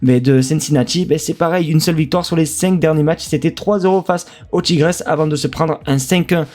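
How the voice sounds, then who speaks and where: A man's voice: on the high side, a little fast, a little mellow, faint music behind. A man from France with a French accent, casually previewing a football match as a streamer, chatty and hesitant with many fillers.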